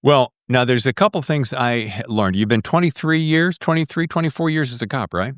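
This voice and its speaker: In clean studio sound with no echo, a male podcast host talks fairly quickly in a clean, medium-pitched voice. He's chummy, effusive and emphatic, using lots of slang as he casually addresses his guest and listeners.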